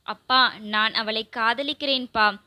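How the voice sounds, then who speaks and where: A woman voicing a firm, protective young man who speaks with quiet insistence. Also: fairly high pitch, fairly even intonation, takes it slowly, dry recording, exaggerated voice.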